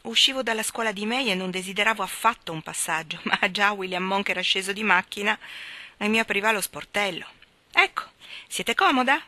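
A woman reading a novel aloud in a measured, expressive style. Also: medium pitch, no room sound. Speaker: reader. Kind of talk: audiobook reading.

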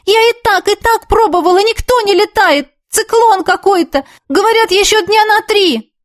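A woman doing an eager young ballerina, high and urgent. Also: moderate pace, no room sound, clean studio sound, natural voice. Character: young female ballet student, eager and impulsive. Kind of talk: audiobook character reading.

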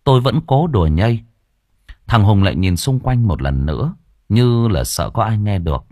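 A man narrating a first-person audiobook story in an animated, expressive way. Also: on the low side, normal speed, no room sound, clean studio sound.

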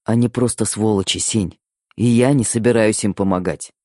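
A man's voice: on the low side, steady tone, normal speed, a little mellow, no room sound, clean studio sound, close to an everyday voice. A man voicing a tough, blunt husband in an audiobook, speaking in coarse, plain words. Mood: angry. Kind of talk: audiobook character voice.

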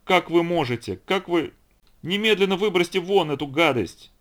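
A man's voice: medium pitch, fast talker, natural voice. A man voicing a furious, determined young woman in an audiobook reading, speaking indignantly and firmly. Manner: indignant, firm.

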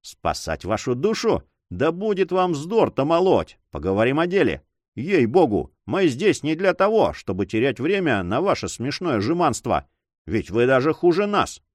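Blunt, mocking sea captain, loud and higher, swinging pitch, as a man puts him on. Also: sing-song, normal speed, no echo, clean studio sound, lightly acted. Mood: angry. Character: rough, hot-tempered male sea captain.

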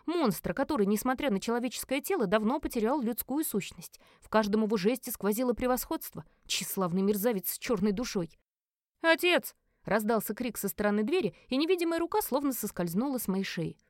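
A woman narrating a first-person fantasy audiobook with an expressive, dramatic reading. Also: fairly high pitch, fast talker, hardly any pauses, no room sound, clean studio sound.

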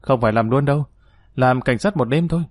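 A man's voice: medium pitch, brisk, no echo, clean studio sound, close to an everyday voice. A man reading a jovial, assured leader.

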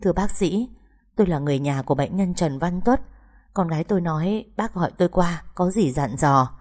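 A tough but tender middle-aged mother from a village, read by a woman narrator, speaking in a low, mellow voice. She talks earnestly and soothes those around her. Audiobook storytelling. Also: expressive, brisk. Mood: anxious, soothing.

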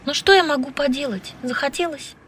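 Woman doing a brash, teasing, high-voiced woman. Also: brisk, fairly bright tone, slight background noise. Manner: bold, teasing, outspoken. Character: brash, lively flirtatious woman scientist.

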